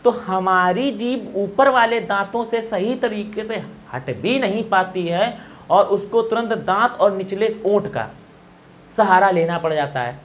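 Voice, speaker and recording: Man, lesson, demonstrates sounds by repetition, high pitch, faint background hiss. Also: muffled recording. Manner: repeats sounds slowly to demonstrate pronunciation. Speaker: Hindi exam teacher. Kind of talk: classroom-style explanation.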